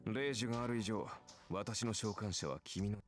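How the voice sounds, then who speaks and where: An actor playing a proud, condescending warrior servant in an anime-style game, speaking in a cool, lecturing way. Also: male voice, lowish voice, fast talker, faint music behind, close to an everyday voice.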